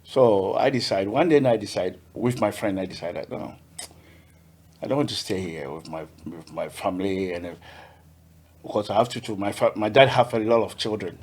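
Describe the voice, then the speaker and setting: A man from Ghana, a podcast guest telling his story in a cheerful, halting way, often repeating words. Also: lowish voice, lively intonation, darkish tone, slightly rough. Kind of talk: casual interview.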